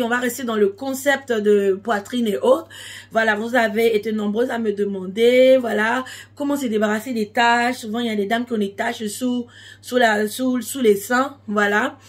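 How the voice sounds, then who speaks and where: A woman's voice: a little high, steady tone, moderate pace. A woman speaking a language that is not her first, chatting casually to followers as a beauty tips vlogger, explaining things with emphatic repetition. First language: not French.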